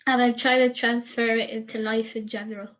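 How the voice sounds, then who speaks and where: A cheerful Irish woman speaks with a fairly high voice. She answers in short, giggly bursts. The audio has the dull, muffled sound of a video call. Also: little pitch movement, a little fast. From Ireland. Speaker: guest. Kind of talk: casual video call chat.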